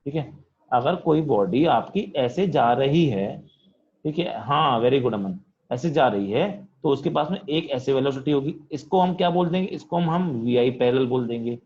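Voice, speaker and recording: A man with a medium-pitched, darkish voice and lively intonation teaches an online physics class at normal speed through a video call, where the highs are cut off. He calls on students by name and answers his own questions in a student's voice.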